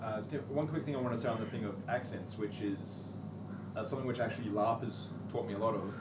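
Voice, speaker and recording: A man's voice: lowish voice, fast. A man chatting casually and explaining things as a tabletop game player. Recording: echoey room, loud background noise.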